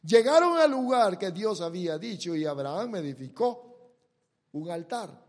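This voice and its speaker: A man in a sermon recounts a Bible story in a high, sing-song voice, acting out the characters' lines. His delivery leaps dramatically between loud bursts and quiet, drawn-out phrases.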